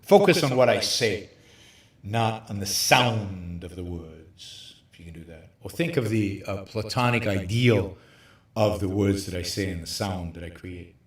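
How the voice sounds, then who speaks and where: Guy hosting a stream, lecturing hard, big cave echo off a high-ceiling hotel room. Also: unhurried. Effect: hollow cave-like echo. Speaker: show host. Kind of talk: livestream talk on philosophy.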